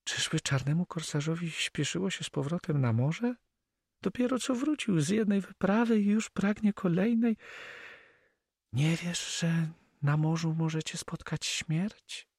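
A man voicing a tender, anxious young Flemish woman in an audiobook, in a soft pleading tone. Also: fairly high pitch, a little slow, breathy edge, no echo, studio quality, pitched above the performer's own voice. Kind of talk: audiobook character reading.

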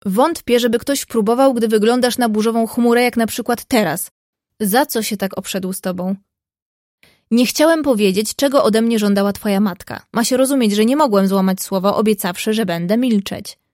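A woman reading the part of a proud, hot-tempered young gentleman who speaks stubbornly and with indignation. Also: on the high side, moderate pace, no echo, clean studio sound, lightly acted. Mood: indignant.

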